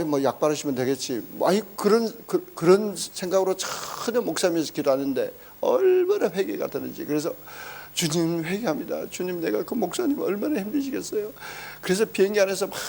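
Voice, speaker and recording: A man preaching a sermon, telling a story with animated exclamations and acting out quoted speech. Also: fairly high pitch. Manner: emphatic exclamations. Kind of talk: sermon testimony.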